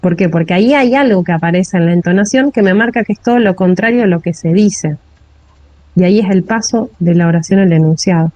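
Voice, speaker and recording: A woman's voice: fairly low pitch, a little fast, warm tone, no room sound, rough recording. A woman with a Rioplatense Spanish accent giving a classroom lecture on linguistics, often checking in with a rising "¿sí?". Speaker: teacher.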